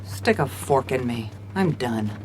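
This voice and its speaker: The same noir role, a weary, hard-boiled police commissioner narrating as the lead, now sounds bitter and defeated yet still wry and clipped. The actress's voice rumbles low with lively intonation, a little slow, over slight background noise.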